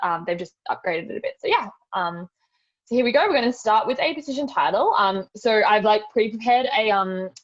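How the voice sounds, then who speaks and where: Over dull, lo-fi video call audio, an Australian woman presents a webinar, giving a relaxed step-by-step tutorial demonstration. Her mid-range voice is fairly quick with lively intonation, and she's chatty, frequently using "like" and "super".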